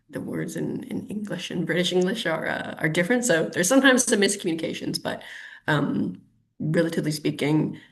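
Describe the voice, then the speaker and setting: A Canadian woman in her thirties, an urban planner appearing as a webinar interview guest, speaks in a deep, creaky voice. She's chatty and thinks out loud, full of ums and restarts.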